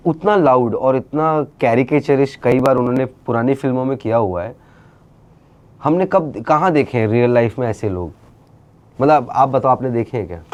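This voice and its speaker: A man speaking as an interview guest, talking in an animated, casual way and dropping English phrases into his speech. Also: mid-range voice, moderate pace, dull audio. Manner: animated, mixes English into speech, many fillers. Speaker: interview guest, actor and creator.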